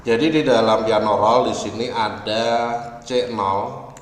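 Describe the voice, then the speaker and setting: A man giving an online lecture on music software, explaining slowly and often ending phrases with a checking "ya". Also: fairly low pitch. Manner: explains slowly, with frequent "ya" tags. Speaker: university lecturer. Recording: echoey, reverberant room, faint ambient noise.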